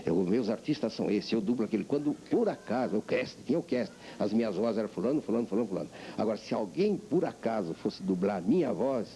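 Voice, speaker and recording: An older man, a veteran voice actor, being interviewed and telling animated stories about his craft. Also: lowish voice, fast, hardly any pauses, poor audio. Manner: animated storyteller, acts out voices. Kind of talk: reflective interview talk.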